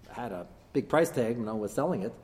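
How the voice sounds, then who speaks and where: Speaking fast in an expressive, darkish mid-range voice, a rabbi delivers a religious lecture on Talmud. Hebrew terms are woven through his English, and he poses and answers questions for an audience in a large hall full of echo.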